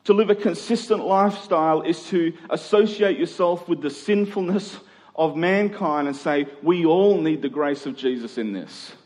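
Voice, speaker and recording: A Queensland preacher with a fairly high pitch and a darkish tone speaks at a moderate pace to a congregation in a large room. His earnest, conversational sermon leans on repeated phrases for emphasis. The recording is echoey, with the long reverb of a hall.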